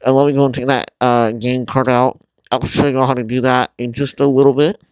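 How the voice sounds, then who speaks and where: A man hosting a casual tutorial vlog, talking informally and haltingly through a mask that muffles his mouth, often apologetic. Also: medium pitch, flat delivery, clean tone, dry recording, low-quality recording. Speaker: video host.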